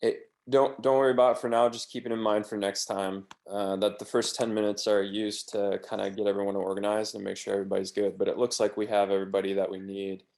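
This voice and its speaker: A fairly low-voiced man from the American East Coast runs a video-call meeting. His voice has a gravelly edge, and he keeps the group organized in an easygoing, relaxed way. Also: fast talker, few pauses. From United States, East Coast.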